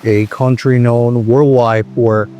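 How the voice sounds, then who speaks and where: A man from the Republic, hosting his own channel and explaining in a measured way with frequent pauses. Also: medium pitch, level tone, mellow, soft background music. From Dominican Republic. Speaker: video host. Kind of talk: explanatory commentary.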